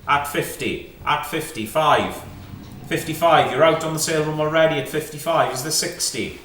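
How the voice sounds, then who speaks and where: A man's voice: on the high side, moderate pace, fairly bright tone. A man working as a fine art auctioneer, calling lots and bids live in clipped, repeated numbers and short prompting questions. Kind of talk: live auction calling, rapid chanted bids and lot descriptions. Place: indoor auction saleroom. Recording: echoey saleroom, distant mic, faint noise.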